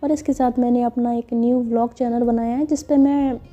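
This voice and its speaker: High-voiced chatty woman storyteller. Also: fairly even intonation, a little fast, mellow, muffled recording, soft background music. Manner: chatty, conversational, with fillers. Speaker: storyteller of a serial audio story. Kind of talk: casual scripted story narration.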